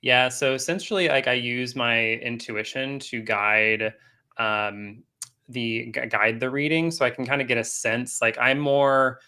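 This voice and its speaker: Bright-voiced man, chatty coach. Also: medium pitch, a little slow, smooth. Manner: relaxed, many fillers and restarts; laughs often. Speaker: guest coach and energy healer. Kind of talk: casual interview talk. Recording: live stream call.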